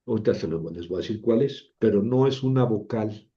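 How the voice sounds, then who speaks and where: A man's voice: fairly low pitch, fairly quick, warm tone, lo-fi sound. A man teaching Biblical Greek in a chatty, self-mocking lecture, repeating words to drill pronunciation. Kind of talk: informal classroom lecture.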